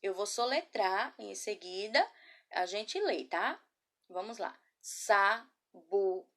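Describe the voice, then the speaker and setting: A woman teaching a children's class from a camera, patient and affectionate, asking guiding questions and sounding words out slowly. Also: mid-range voice, expressive. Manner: patient, slow syllable-by-syllable spelling. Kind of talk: remote class lesson. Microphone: laptop or phone camera.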